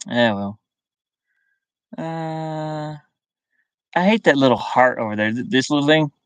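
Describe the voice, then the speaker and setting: A middle-aged livestream host sits in a van, rambling to viewers and himself in choppy fragments, picked up by a webcam microphone. His voice is on the high side, clear and resonant, and unhurried. There's no echo, though the high frequencies are cut off.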